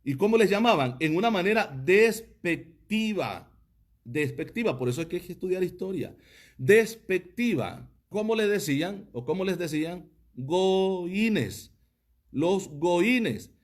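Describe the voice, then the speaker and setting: A male pastor, his voice sitting a little high for a man. He preaches a livestreamed teaching sermon and keeps pressing his listeners with rhetorical questions. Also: animated, unhurried. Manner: asks the audience many rhetorical questions; reads out viewer comments.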